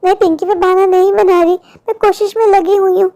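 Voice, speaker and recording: A woman's voice: very high-pitched, little pitch movement, quick pace, warm tone. A woman voicing a poor young woman in a cartoon, a worried older sister who pleads in a worn-down, sorrowful way. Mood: despairing. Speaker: cartoon character. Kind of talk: Hindi cartoon voice acting.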